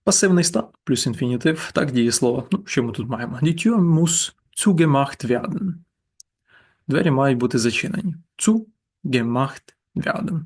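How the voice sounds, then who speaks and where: Guy teaching german grammar off slides, patient, says the examples slow and repeats em. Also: mid-range voice, expressive, a little mellow, husky. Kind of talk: slide-based grammar lesson.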